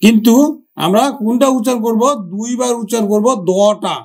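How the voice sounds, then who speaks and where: A man with a Bangladeshi Bengali accent teaching a grammar lesson for exam preparation, slowly repeating words and their pronunciations. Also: sits high, fairly even intonation, darkish tone. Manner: slow, drawn-out repetition of words.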